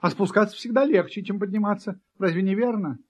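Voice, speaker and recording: A man's voice: high voice, fairly quick, pitched above the performer's own voice. A man voicing a cheeky, playful male puppy in a storybook reading, brash and eager to argue. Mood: insistent. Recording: dull lo-fi recording.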